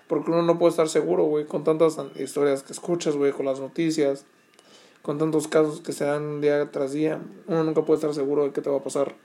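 A young Mexican vlogger with a Mexican Spanish accent tells his viewers a story in a slightly high, mellow, fast voice with flat delivery. His retelling is restless, slangy, and casual, packed with swearing and fillers.

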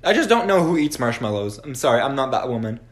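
A young man co-hosting a podcast, chatting casually with a relaxed, wry manner. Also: mid-range voice, fast talker. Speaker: podcast co-host. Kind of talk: casual chat.

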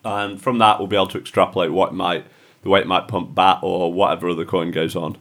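A man's voice: low voice, fairly even intonation, quick pace, a bit bright. A man co-hosting a crypto podcast, chatting casually and joking with friends. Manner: banterish, jokey, laughs often. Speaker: podcast co-host. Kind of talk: casual chat.

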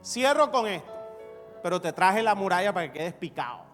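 A male pastor delivering an evangelical sermon, emphatic and repetitive, building to shouts. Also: high-pitched, sing-song, moderate pace. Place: church sanctuary. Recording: reverberant hall with faint music.

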